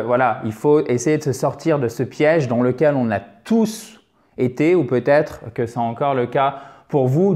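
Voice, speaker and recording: A man teaching English pronunciation in a lively video lesson, chatty and playful, who corrects himself as he goes and now and then teases with an exaggerated French accent. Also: fairly high pitch.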